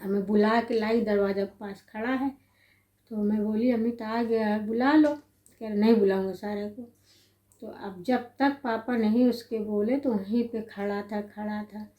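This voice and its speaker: A woman's voice: medium pitch, steady tone, unhurried, mellow. A middle-aged woman telling a family story as a mother, rambling and conversational, acting out the lines she quotes. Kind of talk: casual spoken storytelling. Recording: echoey room.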